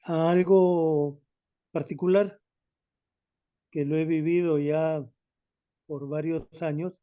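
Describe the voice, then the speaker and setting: Slow, hesitant man on a muffled call. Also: a little high, fairly even intonation, dark tone. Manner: slow, hesitant, searching for words. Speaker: student. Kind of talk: explaining his essay topic in class.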